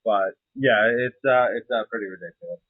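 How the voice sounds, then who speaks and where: A man's voice: fairly low pitch, steady tone, normal speed, dry recording. A young adult man talking casually and informally in an interview, hesitant and a little profane. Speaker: interview participant, serving soldier. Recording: muffled narrow phone-like line.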